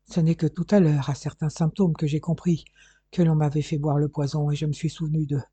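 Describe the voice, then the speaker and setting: A man voicing a dying older male detective who speaks weakly and haltingly, short of breath, in an audiobook. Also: on the high side, level tone, warm tone, husky, dry recording. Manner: weak, halting, breathless speech.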